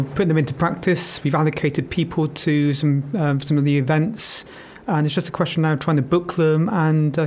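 A man's voice: on the high side, darkish tone. A man being interviewed as an event organiser in a radio studio, answering steadily with frequent "you know" fillers.

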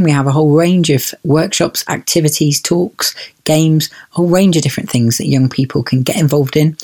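A young man from a youth project reading a prepared radio segment in an earnest, steady way. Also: a little high.

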